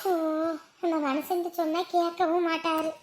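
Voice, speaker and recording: A woman's voice: very high voice, level tone, normal speed. An actress playing a grieving widow who sobs and wails through her speech. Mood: scolding. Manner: sobbing, wailing speech. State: crying. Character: grieving widow, wailing and bitter. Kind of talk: family drama acting.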